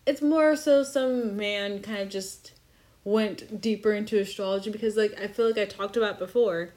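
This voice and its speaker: A woman's voice: medium pitch, moderate pace, a little mellow. Rambling, swearing young woman host. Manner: rambling, swearing, self-deprecating. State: slightly intoxicated. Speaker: podcast host. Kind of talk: casual chat.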